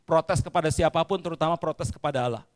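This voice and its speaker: A man's voice: a little high, quick pace. A male pastor preaching a sermon at a church service, speaking emphatically, repeating phrases and often addressing the congregation directly.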